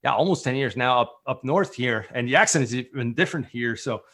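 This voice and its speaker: A man's voice: medium pitch, animated, brisk, a bit bright. A middle-aged man from eastern Canada, a native French speaker with a light French-influenced Canadian accent, chatting informally as an interview guest. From eastern Canada, French-speaking island off Newfoundland. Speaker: entrepreneur, coaching company founder, guest. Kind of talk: casual interview chat.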